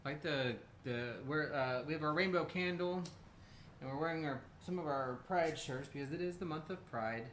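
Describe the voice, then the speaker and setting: A man's voice: on the high side, moderate pace, fairly bright tone. An American man co-hosting a casual livestream, rambling and bantering as he goes. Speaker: co-host. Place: indoor room. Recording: roomy echo, faint background noise.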